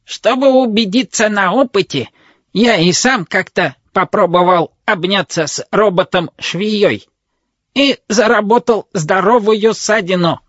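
A man voicing a fussy, grumbling male wedding robot with a creaky, metallic voice. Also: sits high, unhurried, fairly bright tone, dry recording, muffled recording, pitched above the performer's own voice. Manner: fussy, complaining, officious.

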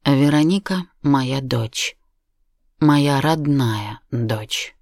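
A woman's voice: rumbling low, drawn-out words, darkish tone, no echo, clean studio sound, full character voice. A woman voicing a cornered grown man who speaks tersely and heavily. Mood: grim.

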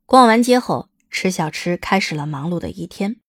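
A woman reading the narration of an audio drama in a smooth, lightly wry storytelling manner. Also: fairly low pitch, animated, moderate pace, dry recording, studio quality.

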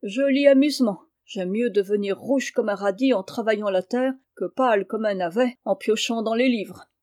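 A woman voicing a rough farmhand who mocks a boy with scornful jokes. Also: mid-range voice, normal speed, dark tone, no echo, studio quality, lightly acted. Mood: mocking. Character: mocking rough farmhand, adult man.

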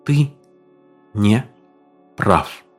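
A man voicing a gentle young woman who speaks softly and haltingly. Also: a little high, animated, slightly rough, faint music behind, voice pushed up. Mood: quiet, tearful. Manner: soft, halting. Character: gentle soft-spoken young woman, quietly firm.

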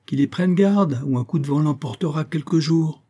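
Guy playing a grumpy old professor lecturing, every syllable hammered, raised pitch. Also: normal speed, mellow, highs cut off, natural voice. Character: cantankerous proud old male astronomer professor.

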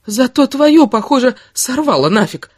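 Woman narrator doing an angry, wounded young woman in an audiobook; high, loud, biting. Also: sing-song, moderate pace, slightly rough, no echo, clean studio sound, exaggerated voice. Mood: furious. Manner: shouting insults, biting sarcasm. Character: furious sarcastic young woman, wounded and defiant.

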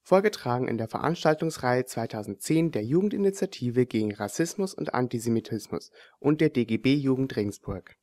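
A man's voice: medium pitch, a little fast, hardly any pauses, dry recording. Man reading a formal announcement, dry sound. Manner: even, formal read-out. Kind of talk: scripted announcement.

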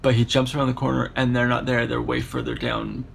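A man's voice: mid-range voice, little pitch movement, fairly quick, gravelly, noisy background. A man co-hosting a podcast, chatting casually about a book and rambling through half-finished thoughts. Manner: rambling, with restarts and trailing-off thoughts. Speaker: podcast co-host.

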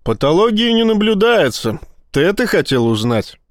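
An unruffled, gently mocking fleet admiral, as a man reading a story puts him on, speaking evenly and a touch higher than plain narration. The sound is dry and close. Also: moderate pace, no echo. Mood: calm. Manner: calm, lightly mocking. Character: calm, teasing male fleet admiral.

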